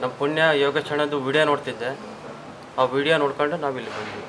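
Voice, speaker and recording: Fast-talking man with noise behind. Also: mid-range voice. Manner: plain, halting account of his hardships. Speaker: ashram resident.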